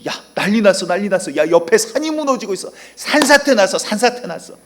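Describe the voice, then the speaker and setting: A man voicing a colony of small, excitable ants who cry out in alarm. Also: fairly quick, slight background noise, close to an everyday voice. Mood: panicked. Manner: exclaiming, high and loud. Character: small worker ants, excitable and easily panicked.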